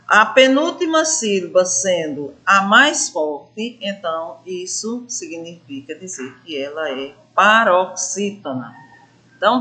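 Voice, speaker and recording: A woman teaching a grammar lesson, drawing out syllables slowly to show stress and asking her pupils questions. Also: mid-range voice, pushed and bright. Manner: addresses pupils as gente, asks questions. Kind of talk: classroom lesson explanation.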